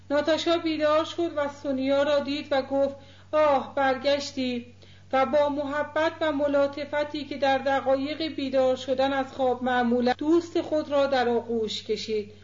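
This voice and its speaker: A woman narrating a novel as an audiobook in a measured, even reading. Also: high voice. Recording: dull echoey recording.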